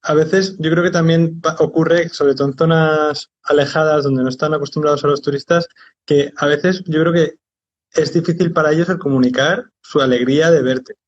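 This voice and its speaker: A man hosts a live online chat, his voice slightly higher than most men's. He talks in a loose, relaxed way and tosses in mild swear words. The sound is a little dull, like a plain livestream recording. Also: normal speed. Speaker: host.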